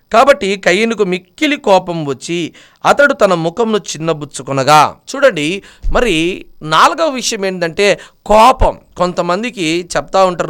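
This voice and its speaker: A man preaching a sermon, swinging between loud, pleading rhetorical questions and quiet, low asides. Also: clear, resonant tone.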